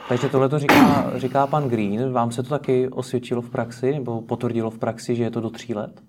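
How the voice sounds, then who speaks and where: A man with a mid-pitched voice conducts an interview. He asks probing follow-up questions to draw out more detail from his guest. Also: little pitch movement, heavy background noise.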